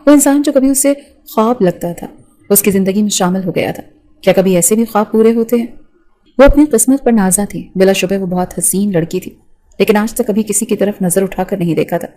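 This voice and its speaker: A woman narrating a romance novel with an even, storytelling delivery. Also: mid-range voice, poor audio.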